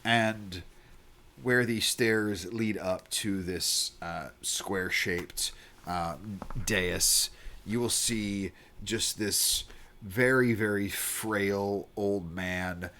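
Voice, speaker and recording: A man running a tabletop game as game master, improvising his narration in a halting way. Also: on the low side, pushed and bright, a little hiss or hum.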